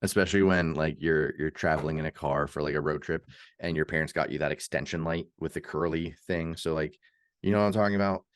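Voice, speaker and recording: A man's voice: a bass voice, steady tone, fast talker, no room sound, clean studio sound. A man co-hosting a casual podcast chat, rambling off on tangents and laughing often. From United States. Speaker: podcast co-host.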